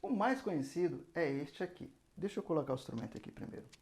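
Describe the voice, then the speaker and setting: A man's voice: fairly high pitch, sing-song, fast talker, background noise. A man teaching a casual saxophone lesson, explaining patiently and singing out rhythm syllables as he goes. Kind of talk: casual spoken music lesson.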